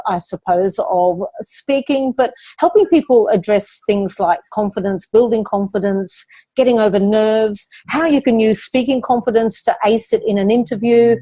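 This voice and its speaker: Calm woman coaching public speaking. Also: medium pitch. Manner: calm, explanatory, guiding through visualization. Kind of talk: live online coaching session.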